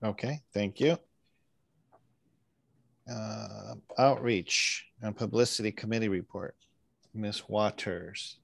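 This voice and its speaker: Meeting chair, low gravelly male voice, faint noise under it. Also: slow pace, long pauses, dry recording.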